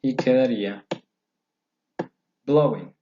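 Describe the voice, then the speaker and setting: A man giving a recorded English grammar lesson, explaining rules slowly and step by step. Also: medium pitch, mellow. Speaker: English teacher. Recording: dull lo-fi audio.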